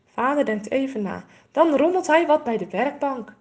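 A woman reading a children's story aloud, expressive and clear. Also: sits high, moderate pace.

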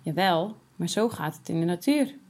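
A woman voicing a calm, patient mother who explains things gently to her boys. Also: on the low side, moderate pace.

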